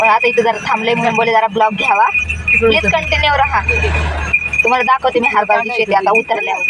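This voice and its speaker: A woman chatting excitedly to her viewers in a casual vlog, filmed outdoors on a handheld phone. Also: on the high side, quick pace. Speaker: vlogger. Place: outdoors by a road, in fields and at a temple. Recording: loud crowd and traffic noise outdoors. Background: loud crowd chatter and vehicle noise.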